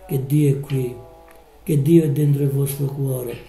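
Slow, gravelly male preacher. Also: medium pitch, steady tone, dark tone, reverberant, faint music behind, rough recording. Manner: slow, drawn-out, emphatic preaching. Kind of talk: live sermon.

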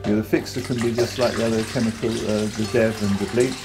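A man's voice: on the low side, a little fast. A man giving a casual, practical how-to talk in his home kitchen, with some fillers. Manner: relaxed, plain and practical, with fillers. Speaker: photography hobbyist demonstrating. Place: home kitchen, indoors, at the sink. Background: running tap water and loud music.

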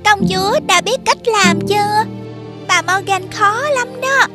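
An actress voicing a small, caring firefly companion in a cartoon, who talks in a slow, worried, coaxing way. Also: female voice, very high voice, over music, voice pushed up.

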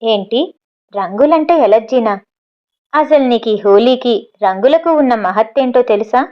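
A playful young man teases his sweetheart down the phone in this audiobook novel, as a woman reads him in her own fairly high voice. His talk is affectionate and mischievous. The audio sounds dull and lo-fi. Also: a little slow, close to an everyday voice. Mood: teasing. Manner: teasing and affectionate.

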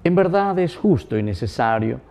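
Wearing a lapel mic in a small wood-panelled indoor chapel, a priest prays at Mass in a solemn, measured, formal way. His voice is mid-range, sing-song and gravelly, with a darkish tone.

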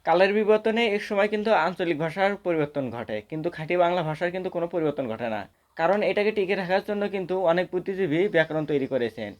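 A man's voice: high-pitched, lively intonation, fast talker. A man giving a formal debate speech in a lecturing, point-by-point manner. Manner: formal, lecturing, counts off figures.

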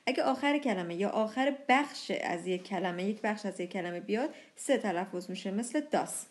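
Explaining pronunciation with patience, a medium-pitched young woman leads a language lesson and eases her pace whenever she reaches an example word.

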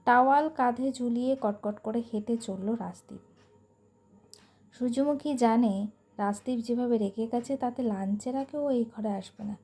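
Woman storyteller, voices all the parts, warm tone, fairly high pitch. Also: normal speed. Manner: voices all characters herself, lively dialogue. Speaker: story reader. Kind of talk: expressive storybook narration.

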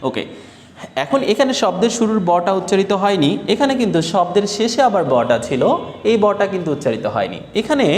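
A man's voice: sits high, a little mellow, slight background noise. Man teaching grammar in an echoey room. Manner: spells words out syllable by syllable, then asks the class questions. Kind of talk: classroom lesson explaining spelling rules. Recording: echoey room with long reverb.

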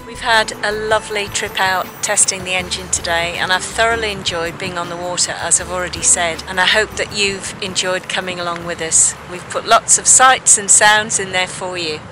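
A woman's voice: on the low side, fairly even intonation, moderate pace, few pauses, music in the background, poor audio. A middle-aged woman co-hosting a sailing vlog, narrating and chatting in a cheerful, chatty way. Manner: cheerful, chatty, laughs often. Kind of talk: casual vlog narration and chat. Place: outdoors on a sailboat in a marina.

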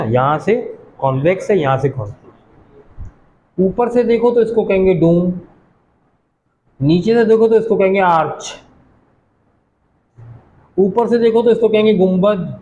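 A man from Pakistan teaching a class, explaining English pronunciation patiently, repeating words slowly and putting questions to the students. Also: high voice, warm tone, muffled recording, slight background noise. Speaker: college teacher.

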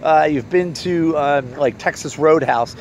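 This bar-reviewing vlogger, a man in his forties, has a slightly high, slightly slow and slightly mellow voice. He rambles and thinks aloud on an unscripted walk outdoors through a parking lot and around a bar, his handheld phone at arm's length picking up plenty of noise.

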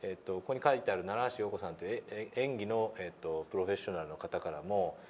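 A middle-aged man, a pronunciation instructor, demonstrates an app in a meeting room, explaining politely with many hesitations and asking polite questions. His low-pitched voice is fast and a little mellow, with a little hiss or hum in the audio.

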